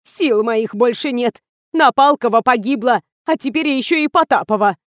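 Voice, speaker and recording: A woman's voice: a little high, normal speed, dry recording, studio quality, natural voice. Woman doing a harried theatre administrator. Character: harried female theatre administrator, excitable and tired. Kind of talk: audiobook character reading.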